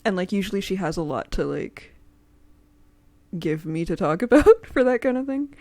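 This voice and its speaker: A woman's voice: mid-range voice, very animated, normal speed, warm tone, dry recording. A woman hosting a casual stream chat, rambling with many fillers and frequent giggles. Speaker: streamer and host.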